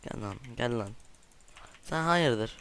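A man giving casual gameplay commentary to his viewers, trash-talking opponents in excitable outbursts and chatting directly to the audience. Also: medium pitch, slow pace, slight background noise. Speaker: gaming video creator.

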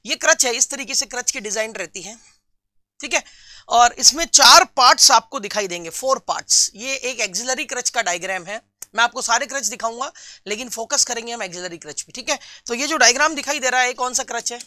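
A man teaching a live online class for nursing exam students. He reads out viewers' answers, calls them friends and repeats key terms slowly. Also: very high voice, bright, forceful tone, no echo, clean studio sound.

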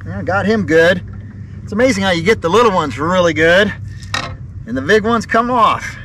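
A middle-aged man on a bass boat, chatting to his viewers as he casts and reels in fish. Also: lively intonation, normal speed, fairly bright tone, slight background noise. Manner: talks to viewers while casting, upbeat and chatty. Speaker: fishing vlogger. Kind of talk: casual fishing vlog commentary. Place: open bass boat on a lake, outdoors.

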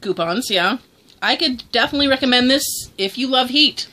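A woman's voice: sits high, expressive, moderate pace, pushed and bright. A woman chatting casually through a food review, exclaiming as she tastes.

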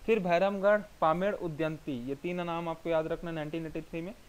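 A man teaching exam revision from slides, repeating memory tricks in slow, emphatic drills. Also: on the high side, steady tone, clear, resonant tone, rough recording. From India.

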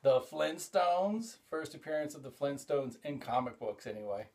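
A middle-aged comic collector and show host rambles easygoingly through his collection in a casual show-and-tell vlog, trailing off, restarting with frequent "uh"s, and getting excited over each find. His ordinary mid-pitched voice moves at a moderate pace, caught by a camera a few feet back in a cluttered hobby room with slight background noise.

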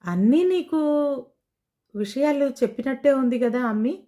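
A woman's voice: sits high, animated, moderate pace, mellow. A woman storyteller voicing an ashamed, frightened young pregnant woman who talks apologetically and is close to tears. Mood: anxious.

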